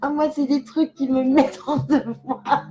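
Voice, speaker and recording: A woman's voice: sits high, fairly even intonation, a little slow, mellow, low-quality recording. Chatty, giggly older woman medium. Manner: chatty, giggly, talks directly to viewers. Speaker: clairvoyant medium hosting a live stream. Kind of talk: casual live-stream chat.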